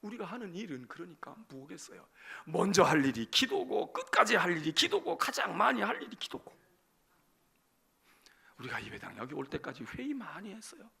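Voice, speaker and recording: A man, a senior pastor, preaching a sermon, animated, acting out dialogues and putting questions to the congregation. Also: sits high, normal speed, creaky.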